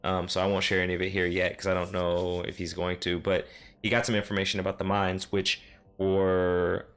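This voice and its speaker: A man's voice: deep voice, monotone, brisk, fairly bright tone, smooth. A man serving as game master, casually recapping a tabletop session in a rambling, self-correcting way.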